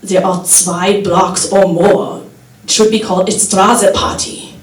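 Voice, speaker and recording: A woman's voice: mid-range voice, slow, echoey room, recorded from a distance, lightly acted. A woman voicing her German fiance, a blunt, puzzled man with a German accent. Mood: puzzled scolding. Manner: flat clipped German-accented complaints.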